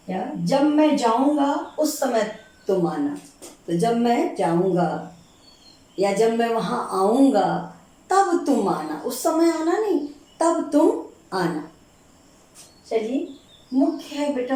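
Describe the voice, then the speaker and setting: A female teacher with a slightly high, mellow voice leads a grammar lesson for exam prep. She patiently repeats each word slowly so students catch the correct form. The room is very echoey.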